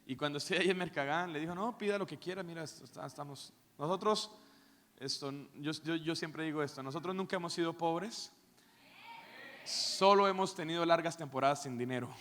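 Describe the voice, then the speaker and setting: A man, a pastor preaching a sermon with a personal story, moving from quiet telling to shouted passages. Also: fairly high pitch, a little fast, slight background noise. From Colombia. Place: church hall. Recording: reverberant church hall.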